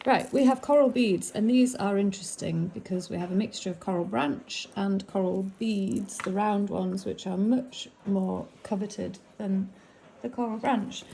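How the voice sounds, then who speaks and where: Middle-aged northern English woman sorting antiques on camera, chatty and fond of her finds, warm gravelly delivery. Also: medium pitch, a little slow, few pauses, a little hiss or hum, low-quality recording. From England. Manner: chatty, musing aloud, fond of the items. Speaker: antiques seller. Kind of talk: casual narration while sorting antiques.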